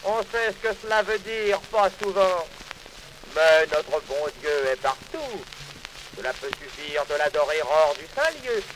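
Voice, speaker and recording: A man's voice: fairly high pitch, lively intonation, measured pace, a bit bright, slight background noise, voice pushed down, poor audio. A man voicing a stern, scolding old saint who guards the gate of heaven in a recited poem. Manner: gruff, scolding.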